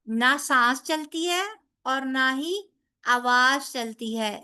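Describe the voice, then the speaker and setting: A woman's voice: sits high, pushed and bright, clear, resonant tone. A woman teaching tajweed, patiently modelling letter sounds and checking that students follow. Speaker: Quran recitation teacher. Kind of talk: tajweed lesson.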